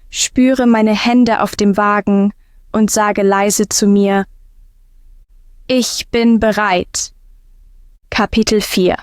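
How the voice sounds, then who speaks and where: A woman narrating a scripted first-person story for language learners in calm, simple short sentences. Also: mid-range voice, no echo, clean studio sound.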